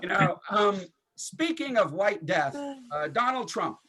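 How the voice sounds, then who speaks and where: A man's voice: high voice, very animated, unhurried, pushed and bright, slightly rough. A male stand-up comedian on a club stage, tagging his jokes with "okay?" and "right?". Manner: tags lines with "okay?" and "right?".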